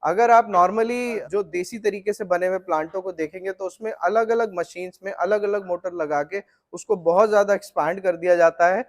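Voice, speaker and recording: Fairly high-voiced man explaining machinery. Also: moderate pace, hardly any pauses. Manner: steady technical explaining, addresses viewer directly. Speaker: flour mill equipment seller. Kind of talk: explanatory product walkthrough.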